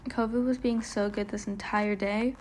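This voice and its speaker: A woman with a medium-pitched, steady voice speaks at normal speed over slight background noise. She's a vlogger doing a casual travel voiceover, not recorded on location, chatty and rambling with many fillers and the occasional stumble over her words.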